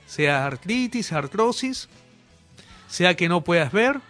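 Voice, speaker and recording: A man's voice: high-pitched, very animated, slow, fairly bright tone, soft background music. A man preaching a healing sermon, speaking straight to viewers and giving fervent, commanding proclamations. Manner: direct address to viewers. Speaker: healing evangelist.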